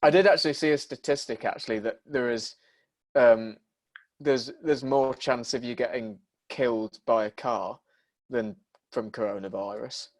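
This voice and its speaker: A man's voice: medium pitch, moderate pace. A British man in his early twenties co-hosting a casual chat over a video call, stumbling over his starts before making his point. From Britain. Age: early 20s. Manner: hesitant starts, repeats words, then makes his point. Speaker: podcast co-host.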